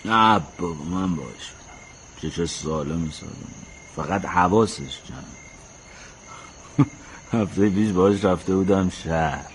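A grown son chats fondly and chuckles in a low voice, as an actor plays him. Faint crickets and night insects sound around him. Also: male voice, long pauses, a little hiss or hum, natural voice, poor audio. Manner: chatty, chuckling. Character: grown son, fond and defensive of his father.

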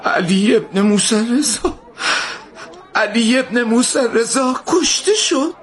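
A man voicing an earnest young male traveler, shaken with grief, in a trembling, breathy voice. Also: extremely high pitch, lively intonation, voice pushed up. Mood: grieving.

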